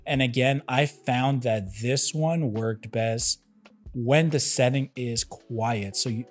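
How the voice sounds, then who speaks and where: Man explaining a product over background music. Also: medium pitch. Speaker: product reviewer. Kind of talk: casual review narration to viewers.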